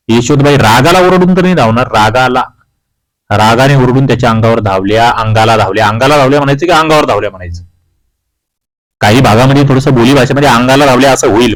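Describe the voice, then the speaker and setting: A man from Maharashtra, India, leads an exam-prep quiz walkthrough, reading each question and its options aloud before explaining the answer. His voice sits in the mid range, and the audio quality is poor.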